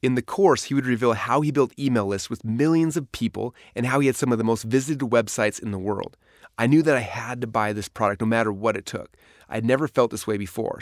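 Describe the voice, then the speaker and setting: A man's voice: mid-range voice, no room sound, clean studio sound. A man reading his own memoir aloud in a storytelling manner. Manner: storytelling, dramatic in places. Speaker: narrator. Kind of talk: memoir audiobook narration.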